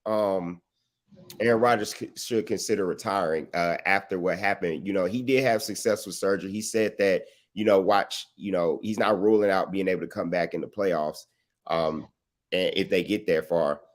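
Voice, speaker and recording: A man's voice: sits low, moderate pace. A man hosting a casual sports talk show, asking long rambling questions full of fillers.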